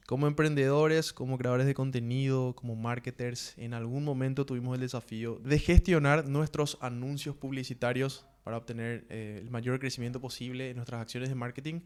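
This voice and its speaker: A man's voice: mid-range voice, fairly even intonation, brisk, hardly any pauses, darkish tone, clear, resonant tone. A man hosting a business podcast, opening the episode and introducing the guest with upbeat presenter phrasing. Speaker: podcast host.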